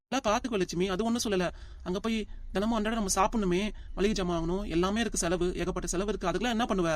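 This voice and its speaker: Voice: medium pitch, fairly even intonation, very fast, dry recording, lightly acted. A voice actor playing a tired old grandfather in a cartoon family comedy, pleading and complaining as he reasons with his wife.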